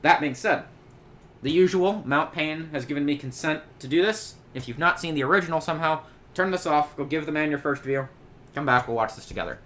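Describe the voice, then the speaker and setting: A man hosting a reaction video, talking casually with quick jokes, asides and lots of fillers. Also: on the high side, fairly bright tone. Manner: chatty, joking, with many fillers and quick asides. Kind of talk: casual commentary over a video.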